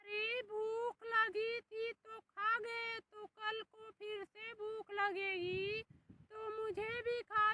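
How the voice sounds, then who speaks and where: A fussy vegetable mother, as a woman plays her in a homemade comedy skit, coaxing one moment and scolding the next. The voice is very high and strikingly bright. Faint noise hums underneath. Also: full character voice.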